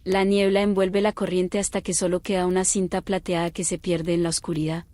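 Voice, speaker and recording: A woman with a fairly low voice reads a scripted bedtime story, slow, quiet and calm in an unhurried night-time way.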